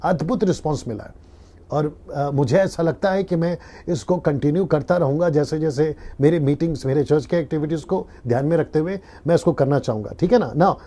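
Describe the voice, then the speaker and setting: Dark-voiced Hindi-speaking pastor. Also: male voice, fairly high pitch, brisk. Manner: earnest teaching, repeats key lines, quotes scripture. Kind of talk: live-streamed sermon.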